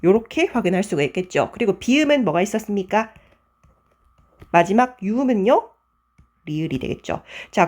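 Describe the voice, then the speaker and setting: A woman teacher runs an exam-prep grammar lecture at a brisk clip, her pitch rising and falling in wide swings. She keeps asking her students to confirm each answer before she moves on. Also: a little mellow.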